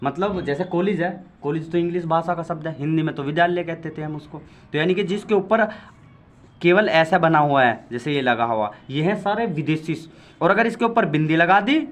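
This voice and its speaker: A man giving a Hindi grammar lesson for exam prep, explaining patiently, repeating points, drawing out sounds and asking quiz-like questions. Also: a little high. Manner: talks to viewers directly with quiz-like questions.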